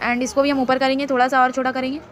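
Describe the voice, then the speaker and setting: Fast-talking woman teaching a design tutorial. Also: high-pitched, level tone, faint music behind. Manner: fast, chatty instructing, mixing English words into Hindi. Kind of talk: screen-recorded software tutorial.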